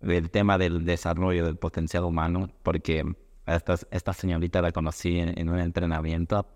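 Un hombre que conduce una entrevista informal, habla con muletillas y vacilaciones y reacciona con interjecciones suaves. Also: male voice, deep voice, flat delivery, fairly quick, long reverb tail. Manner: reacts with soft interjections, hesitant phrasing. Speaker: host. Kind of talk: casual conversational interview.

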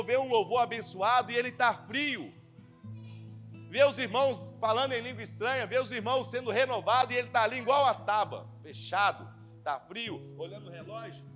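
A male youth pastor preaching a sermon to young people, swinging from loud to hushed. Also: very high-pitched. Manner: preaching with sweeping swings in volume.

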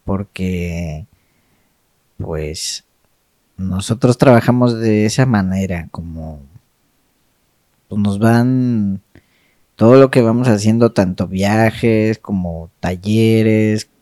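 Mellow, lowish-voiced man chatting. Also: takes it slowly, pauses often, no room sound, clean studio sound. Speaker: podcast co-host. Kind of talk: casual, reflective chat.

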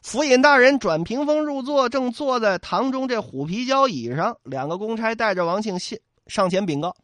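A man's voice: very high voice, expressive, normal speed, a bit bright, dry recording, clean studio sound. A man telling a classic tale as comic storytelling, with chatty asides to his listeners.

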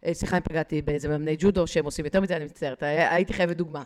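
Animated woman telling stories. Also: low voice, slight background noise. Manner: lively, acts out quoted people, addresses host directly. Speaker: guest expert on digital habits. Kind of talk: podcast interview, animated storytelling.

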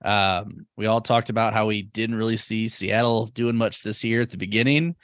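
A man's voice: on the low side, steady tone, moderate pace, fairly bright tone, dry recording, clean studio sound. A man co-hosting a casual sports podcast, hesitant and full of fillers as he gives his takeaways. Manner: hesitant, filler-heavy delivery. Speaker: podcast co-host.

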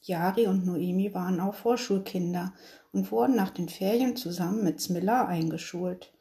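A woman reading a children's story aloud in a gentle storytelling manner. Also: on the low side, normal speed. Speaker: narrator.

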